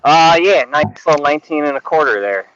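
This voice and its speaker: A man calling in from a river on his phone microphone, talking casually about his lures with many fillers and pauses. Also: a little high, animated, a bit bright. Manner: hesitant, full of fillers. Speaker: guest angler calling in. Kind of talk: casual chat. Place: outdoors on a river. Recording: dull lo-fi phone audio with noise.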